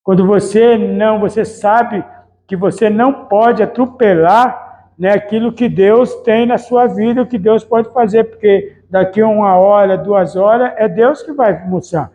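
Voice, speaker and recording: A man's voice: high voice, measured pace, warm tone, dull audio. A man preaching a casual, colloquial sermon as a pastor, chatting and acting out everyday speech. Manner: colloquial, chatty, mimics family members' voices. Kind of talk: informal sermon.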